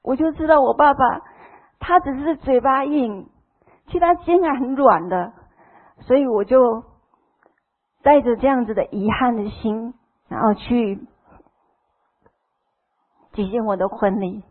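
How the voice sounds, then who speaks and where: A husky, middle-aged woman with a Taiwanese Mandarin accent gives a personal testimony to her church congregation. Her voice is a little high, and she speaks unhurriedly with frequent pauses, telling her story emotionally and acting out quoted dialogue. The audio sounds tinny, like a phone.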